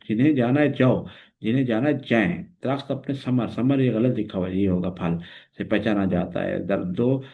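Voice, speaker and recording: A man teaching a grammar lesson, patiently repeating each wrong sentence and then its correct version. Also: mid-range voice. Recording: tinny phone-like audio.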